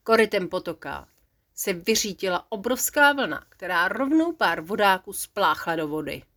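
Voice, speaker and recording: Playful woman reading a bedtime story. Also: fairly low pitch. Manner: lively, playful, animated.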